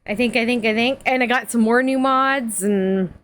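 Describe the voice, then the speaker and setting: A woman's voice: a little high, normal speed, fairly bright tone. A woman in her forties talks to her stream audience in a loose, rambling way. She piles on fillers, restarts often and laughs easily as she chats. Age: 40s. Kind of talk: casual chat.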